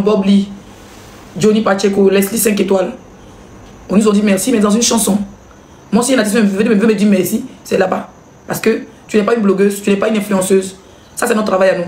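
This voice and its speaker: In a medium-pitched, somewhat dark voice with reverb around it, a female blogger mocks and laughs her way through a live stream. She keeps up a fast back-and-forth with the audience.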